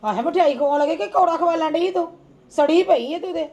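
A woman acting as a scheming, sharp-tongued grandmother who bosses her household around in a family drama. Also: very high-pitched, brisk, muffled recording, background noise. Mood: bossy. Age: older. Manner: bossy, scolding, sharp-tongued. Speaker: household matriarch.

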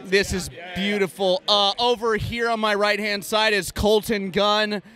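A man's voice: sits high, flat delivery, measured pace, pushed and bright, voice pushed up. A man playing an overeager mock TV news reporter with a handheld mic in a crowded convention hall, delivering in an exaggerated newscaster way. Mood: hammy newscaster.

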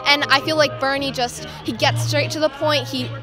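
A woman's voice: high-pitched, fairly even intonation, normal speed, over music. A woman in her twenties giving a casual interview answer as a voter. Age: 20s. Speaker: rally attendee being interviewed. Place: outdoors near an event stage.

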